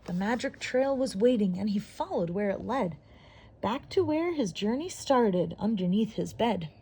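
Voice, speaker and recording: A woman reading a rhyming picture book aloud for children, with a steady storytelling rhythm. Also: medium pitch, measured pace, slight background noise. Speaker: storybook reader.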